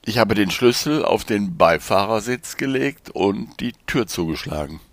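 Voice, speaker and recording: A calm, patient guide in a German audiobook, speaking low and unhurried, as the narrator voices him. He lays out his thoughts in measured, gentle explanations, close and dry to the mic. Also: dry recording. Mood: calm explaining.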